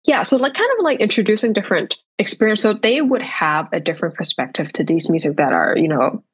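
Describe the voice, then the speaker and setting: A young woman from Hong Kong, a percussionist guest in a casual podcast interview, speaking thoughtfully with frequent pauses. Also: mid-range voice, slightly rough.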